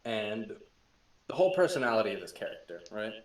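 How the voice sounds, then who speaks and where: A young man hosting a podcast as a game master, telling stories excitedly with laughter and swearing. The recording is roomy, with a distant mic. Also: on the low side, brisk. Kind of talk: casual chat.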